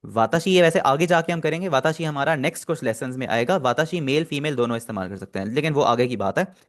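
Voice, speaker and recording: A man's voice: mid-range voice, lively intonation. A man teaching Japanese in a live online class, patiently explaining and answering students' questions as he goes. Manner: explains patiently, drills pronunciation slowly syllable by syllable.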